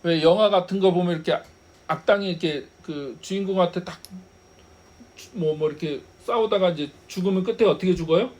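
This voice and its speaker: High-voiced man preaching a sermon. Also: a little fast, darkish tone. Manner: asks the congregation rhetorical questions, laughs now and then. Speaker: pastor.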